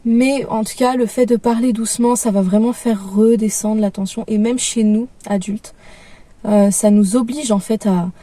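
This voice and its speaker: A young adult woman giving parenting advice in a calm, gentle way, with frequent hesitations. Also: a little high, moderate pace, distant mic. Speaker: parenting vlogger. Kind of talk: casual advice talk.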